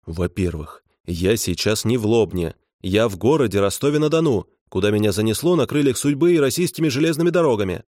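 A man voicing a blunt, hot-tempered middle-aged electrician who booms with indignation. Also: animated, brisk, few pauses, darkish tone, no room sound, studio quality, natural voice. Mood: indignant, booming. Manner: booming, indignant.

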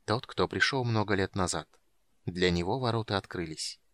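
A man reading an audiobook, voicing a ghostly guardian spirit who speaks in a hushed, low, slow way. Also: no echo.

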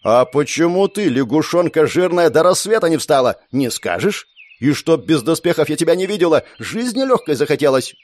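A man's voice: mid-range voice, very animated, a little fast, darkish tone, dry recording. A man voicing a fierce scarred woman sergeant who barks insults and orders in an audiobook. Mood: furious yelling.

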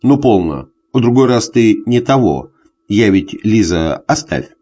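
A man's voice: on the low side, big pitch swings, measured pace, warm tone, muffled recording, heavily acted. A man doing a drunk, jealous bullying husband. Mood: grumbling. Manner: hoarse tearful bullying rants.

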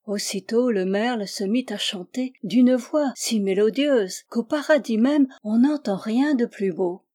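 A woman narrating a fairy tale aloud, expressive and storytelling. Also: on the high side, a little slow.

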